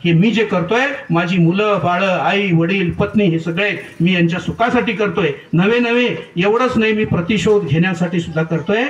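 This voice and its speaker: A man's voice: high-pitched, moderate pace, few pauses, dull audio, close to an everyday voice. A man voicing a fierce male forest robber who boasts of his killings and threatens his listener, told within a devotional story. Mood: threatening. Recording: echoey room heard from far off.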